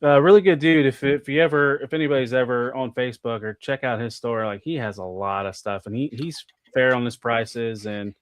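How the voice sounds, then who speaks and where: A man's voice: medium pitch, fairly quick, hardly any pauses, clear, resonant tone, no room sound. An American man, a guest on a podcast, chatting in a rambling way full of "like" and restarts. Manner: rambling, filler-heavy with many restarts. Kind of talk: casual chat.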